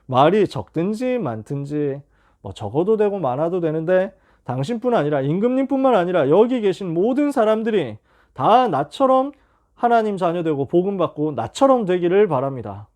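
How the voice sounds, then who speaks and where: A man acting out the apostle Paul's reply, speaking calmly and easily with gentle humor. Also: high-pitched, moderate pace. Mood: calm, amused. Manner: calm, easy and gently humorous. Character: apostle Paul, calm man in chains, gently witty.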